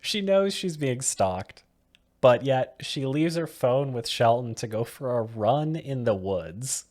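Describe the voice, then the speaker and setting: A man co-hosts a casual movie-review podcast in a medium-pitched, animated, somewhat mellow voice at a slow pace. He is giggly and keeps laughing partway through his sentences.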